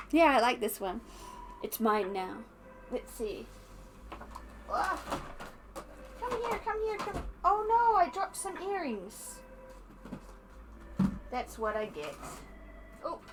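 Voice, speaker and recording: A young woman with an Australian accent chatting casually on a stream, animated and laughing often. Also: slow pace, pauses often, background noise. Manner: chatty, reads chat aloud, laughs often, animated with pitch jumps. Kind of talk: casual chat while unboxing.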